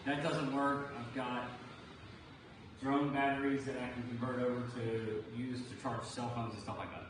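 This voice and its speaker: A man's voice: mid-range voice, little pitch movement, moderate pace. Storm-chasing man, echoey and distant from the mic. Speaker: storm chaser livestream host. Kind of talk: live storm commentary, casual. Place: on location on a Caribbean island before hurricane. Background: clear outdoor ambient noise.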